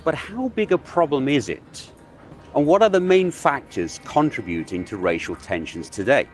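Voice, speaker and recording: Male presenter, scripted narration, animated delivery, faint music underneath. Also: medium pitch, moderate pace. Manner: rhetorical questions.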